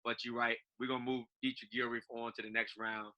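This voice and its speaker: A man's voice: mid-range voice, flat delivery, brisk, heavy background noise. A man co-hosting a casual chat as a basketball coach, easygoing, laughing often and restarting his phrases.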